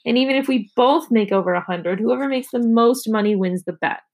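A woman's voice: fairly high pitch, fairly quick, a little mellow. A stubborn little girl who answers back with smug, sassy retorts, as a woman reading a storybook puts her on. She sounds sure she will win. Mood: scheming.

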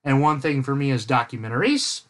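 A man's voice: mid-range voice, animated, a little fast. A man hosting a podcast in casual chat, rambling and jokey as he drifts off on tangents. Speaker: podcast host.

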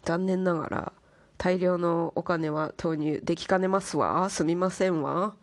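In a steady, low-leaning voice that runs a little slow, a woman host talks casually to her listeners. Throughout the monologue she playfully puts on ornate, polite, refined-lady speech.

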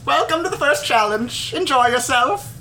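A man's voice: extremely high pitch, lively intonation, normal speed, pushed and bright, slight background noise, pitched above the performer's own voice, heavily acted. A man voicing a gleefully cruel dungeon mastermind in a tabletop game, announcing theatrically in a sing-song way. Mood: gleefully menacing.

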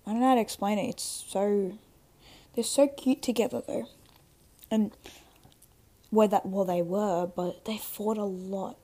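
A young woman sick with tonsillitis, chatting casually and haltingly on a solo podcast, rambling and interrupting herself. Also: medium pitch, steady tone, mellow. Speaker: podcast host.

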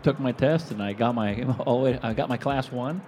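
On a live expo stage, a guest who manufactures products, a man in his forties from Venezuela, rambles through his story in a loose, lively way and performs other people's lines. His voice is medium-pitched at a normal speed, with a bit of hiss or hum in the audio.

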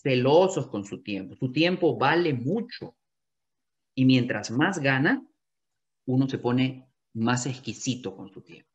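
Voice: mid-range voice, animated, unhurried, highs cut off. A real estate sales coach giving an emphatic coaching talk to agents, often repeating key phrases.

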